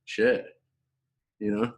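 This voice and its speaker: A man in a casual podcast chat, speaking informally in a stop-and-start way. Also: very slow.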